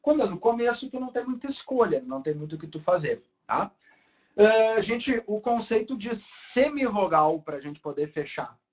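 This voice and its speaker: Casual high-voiced teacher, lo-fi. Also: male voice, big pitch swings, moderate pace. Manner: casual, talks to students with frequent tag questions. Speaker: Portuguese teacher. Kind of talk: online class lecture. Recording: dull lo-fi recording.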